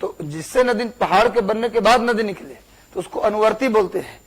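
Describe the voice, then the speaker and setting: A man's voice: sits high, moderate pace, slight background noise, poor audio. A young man, teaching a class, repeating words for dictation and asking the students questions. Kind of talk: classroom lecture.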